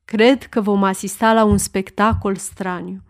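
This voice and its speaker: A composed aristocratic prince who speaks with quiet, dry irony, as a woman reading the story puts him on. His delivery stays even and unhurried, with a firm edge on the key words. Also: medium pitch, natural voice. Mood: calm, ironic. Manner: quietly composed, dryly ironic. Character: calm, ironic aristocratic prince, adult man. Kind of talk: audiobook character reading.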